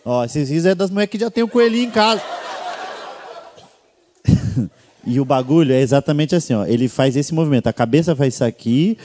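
High-voiced comedian telling a story. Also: male voice, brisk, pauses often, slight background noise. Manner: animated, acts out voices of the people in his story. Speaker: stand-up comedian. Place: comedy venue with a laughing audience.

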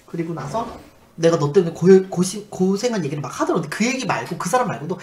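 A man's voice: sits high, fast talker. A young man from South Korea, a YouTuber, tells a personal story casually and acts out the voices of the people in it. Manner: animated, acts out quoted voices. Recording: echoey room with faint noise.

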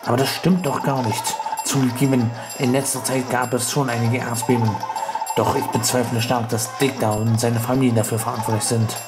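A man's voice: mid-range voice, flat delivery, normal speed, natural voice. A man voicing an earnest, brave young rescuer creature in a game, close to his own voice. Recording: loud game music behind.

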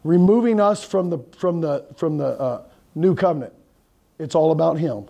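A middle-aged male pastor delivers a conversational sermon in a church hall. His voice is pitched fairly high, yet it sounds dark and mellow, with a gravelly rasp running through it. He moves around as he talks and keeps asking the room questions. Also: moderate pace. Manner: conversational preaching, asks the congregation questions; moves around and gestures while preaching. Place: church hall with a projection screen.

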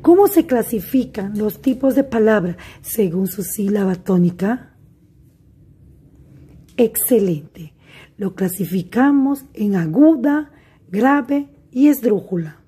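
A primary school teacher gives a recorded remote lesson in a slow, husky, warm voice of medium pitch with lively intonation. She speaks deliberately and talks straight to her pupils.

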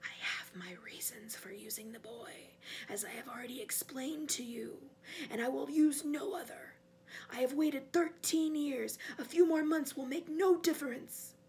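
A cold, imperious dark lord from a storybook, voiced by a woman, weakened yet full of menace. The voice sits high and moves deliberately, with a breathy hiss creeping in. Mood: cold, threatening. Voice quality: breathy, hissing whisper at times.

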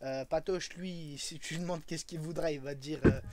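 A man's voice: fairly high pitch, fairly even intonation, normal speed, darkish tone, a little hiss or hum. A young man from France chatting casually on a live stream, rambling with lots of fillers, laughing often and greeting viewers by name.

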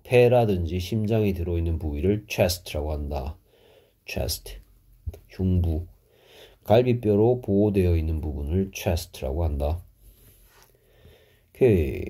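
Slow, low-voiced male English teacher. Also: dark tone, slightly rough. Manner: slow, explanatory, with Korean glosses of English words. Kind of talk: vocabulary lesson.

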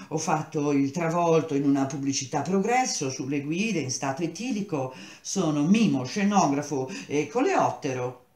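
A woman voicing a desperate, hysterical pale young man who shouts and pleads in a high, strained voice. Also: reverberant. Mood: eager.

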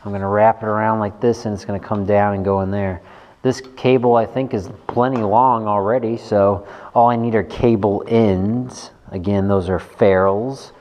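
Pitched fairly low, the man's voice is steady and darkish, moving at a normal speed, and the audio is dull. He is a bike mechanic host thinking aloud informally during a casual hands-on tutorial inside a large wooden workshop garage. Recorded on a body-worn action camera, the sound carries echo and noticeable noise.

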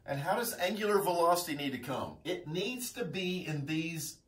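Animated joking man lecturing in an echoey room. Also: fairly high pitch, normal speed. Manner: joking, animated, teasing students. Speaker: engineering instructor. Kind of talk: whiteboard lecture. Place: classroom at a whiteboard. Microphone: camera mic from across the room. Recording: echoey classroom, mic from far off.

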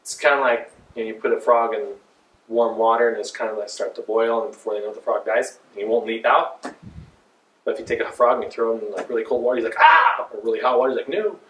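This pastor in his forties talks fast in a mid-range voice, preaching from a small church's pulpit in a loose, conversational manner with animated hand gestures. Recorded by a far camera, the sound carries a roomy church echo.

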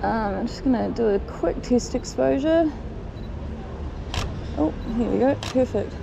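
New Zealand woman photographer, relaxed chatty delivery, a little higher pitch, loud street traffic under her. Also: unhurried, gravelly, dull audio. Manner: relaxed, chatty, many ums. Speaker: photographer vlogger. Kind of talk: casual vlog narration and street chat. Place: outdoors on a sunny city street and park.

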